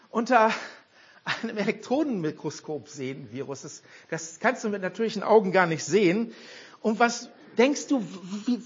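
Animated older male preacher, lo-fi. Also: high voice, slightly rough. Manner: animated, rhetorical questions to the congregation. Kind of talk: sermon. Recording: dull lo-fi sound.

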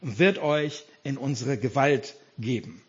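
A man's voice: mid-range voice, unhurried, breathy edge, lo-fi sound, pitched below the performer's own voice. A man voicing the young shepherd hero David, who calls back a bold, defiant declaration of faith.

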